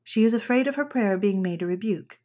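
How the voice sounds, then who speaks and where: Female narrator, mid-pitched, steady and earnest, for a read-aloud of an old essay. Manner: measured, earnest reading aloud. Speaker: reader of an old parenting essay. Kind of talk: scripted narration.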